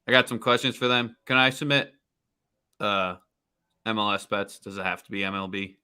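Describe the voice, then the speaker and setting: A man's voice: lowish voice, moderate pace, sharp tone, clear, resonant tone. A man co-hosting a casual sports betting show, talking loosely with jokes and slang. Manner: loose, joking, slangy delivery. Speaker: podcast co-host.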